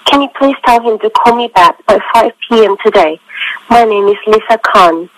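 A woman's voice: on the high side, takes it slowly, no room sound, poor audio. A woman with a British accent reading the caller's part in a scripted phone dialogue, carefully enunciated. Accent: British English.

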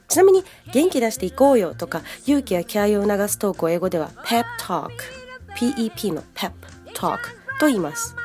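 A woman's voice: medium pitch, warm tone. A woman hosting a casual podcast lesson in a mid-range voice. Her delivery is chatty and upbeat, and she laughs easily. Light music plays faintly under her. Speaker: podcast host and English teacher.

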